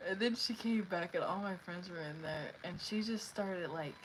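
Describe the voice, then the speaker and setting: A woman's voice: on the low side, measured pace, slight background noise, rough recording. A blunt young woman telling a story in casual chat as she streams herself painting, full of fillers as she acts out what others said. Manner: blunt, chatty, heavy on "like" fillers, acts out quotes. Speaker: artist streaming live.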